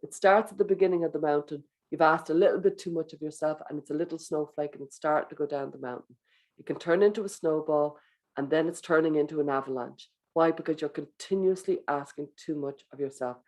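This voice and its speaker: Gentle coaching speaker on wellbeing. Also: mid-range voice, fast talker. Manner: gentle, coaching, guides breathing exercises; acts out inner thoughts in quoted voices. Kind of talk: wellbeing talk to teachers.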